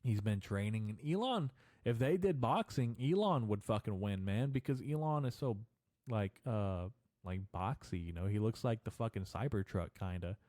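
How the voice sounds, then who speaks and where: A man's voice: fairly low pitch, expressive, moderate pace, a little mellow, dry recording, studio quality. Rambling young man with a slight lisp. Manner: loose and profane, slangy, meandering. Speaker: podcast host. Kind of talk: casual solo podcast rambling.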